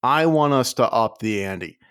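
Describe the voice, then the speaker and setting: A man's voice: mid-range voice, animated, unhurried, fairly bright tone, smooth. A man co-hosting a comedy podcast, riffing in casual chat and slipping into put-on voices. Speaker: podcast co-host.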